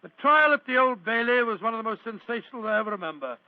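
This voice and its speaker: An actor playing an elderly, courteous British Doctor Watson in a vintage radio drama, chuckling and hesitating as a storyteller. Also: male voice, very high voice, lively intonation, quick pace, no room sound. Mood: reminiscing. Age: older. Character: genial, doddering elderly Doctor Watson, storytelling old gentleman. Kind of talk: 1940s radio acting. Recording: dull, lo-fi old radio recording.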